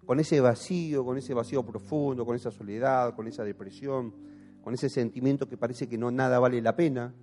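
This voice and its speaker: A man's voice: mid-range voice, fairly even intonation, fairly quick, darkish tone, faint music behind. A pastor in his thirties with an Argentine accent, preaching a passionate sermon and asking the congregation questions. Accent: Argentine Spanish. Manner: impassioned, asks the congregation questions.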